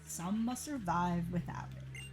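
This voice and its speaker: A woman reading out the lines of a calm, menacing male villain leader from a video game, slow and solemn. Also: lowish voice, soft background music, pitched below the performer's own voice, lightly acted.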